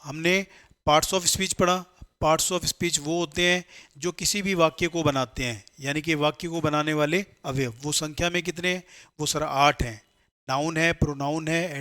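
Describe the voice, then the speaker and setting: A man gives a classroom grammar lecture and pitches his voice slightly high. He poses questions to the class and answers them himself, mixing with English terms as he works through each rule. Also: fairly bright tone. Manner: explains step by step, asks and answers his own questions; mixes Hindi with English terms. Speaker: English teacher for competitive exams.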